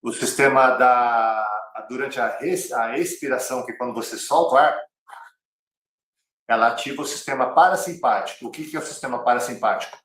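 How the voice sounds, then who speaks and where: Brazilian cycling coach in a roomy space. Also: male voice, medium pitch, normal speed, a bit bright. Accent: Brazilian Portuguese. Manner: direct, coaching tone, repeats key phrases. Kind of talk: online cycling lesson. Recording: roomy, slightly distant mic.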